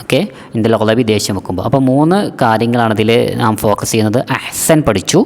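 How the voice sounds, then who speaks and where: A man's voice: fairly low pitch, quick pace. Patient male teacher in a reverberant room. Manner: patient, repeats key terms and asks students to check understanding. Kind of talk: exam-prep lesson.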